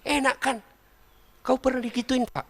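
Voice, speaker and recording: A middle-aged man, preaching a comedic sermon and talking straight to his listeners in a jokey, animated way. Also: very high voice, moderate pace, big-room sound, heavy background noise. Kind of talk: comedic sermon to a live audience.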